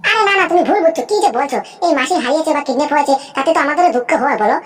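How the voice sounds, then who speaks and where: A woman's voice: high-pitched, expressive, faint music behind. A woman voicing a greedy boastful cartoon sister-in-law. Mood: falsely sweet. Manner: rapid nonstop chatter, keeps asking if you understood. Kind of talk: cartoon voice acting.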